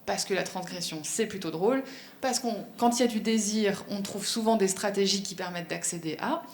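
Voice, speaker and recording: A woman's voice: mid-range voice, a little fast. A woman giving a conference talk and answering questions, explaining at length with frequent hesitations and fillers. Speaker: speaker at a professional conference. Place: conference room. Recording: echoey conference room.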